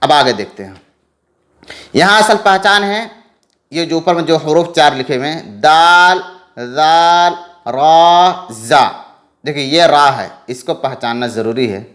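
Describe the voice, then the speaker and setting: A man teaching letter reading in a patient lesson, repeating letter names slowly and drawn out. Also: fairly high pitch, lively intonation, fairly bright tone. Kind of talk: slow explanatory lesson.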